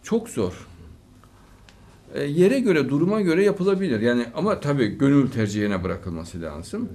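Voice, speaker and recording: Gravelly man giving blessings. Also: mid-range voice, very animated, normal speed, mellow. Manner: showers guests with religious blessings and praise. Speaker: host. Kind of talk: studio talk show commentary.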